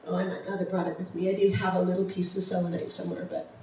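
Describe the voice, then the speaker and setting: A woman's voice: fairly low pitch, flat delivery, rapid-fire, warm tone, a little hiss or hum. A woman giving a casual, enthusiastic slideshow talk, with many ums and restarts. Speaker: presenter of a travel slideshow. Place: museum presentation room. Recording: far-off mic in a very echoey room.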